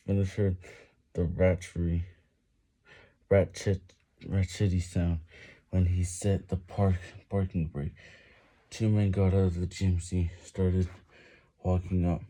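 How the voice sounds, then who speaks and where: A man reads a story aloud in the middle of push-ups, in a low, very dark voice. The delivery is slow and effortful, with sighs, halting phrases and repeated words. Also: flat delivery. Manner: strained reading while doing push-ups, breaking off and repeating words. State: exerting himself, sighing between phrases. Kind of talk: reading a novel aloud.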